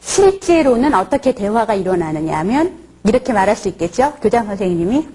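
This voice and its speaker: A woman's voice: mid-range voice, sing-song, brisk, mellow, husky. A woman professor giving a counseling course lecture, asking her audience questions and acting out short dialogues. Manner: asks the audience rhetorical questions; acts out short workplace dialogues.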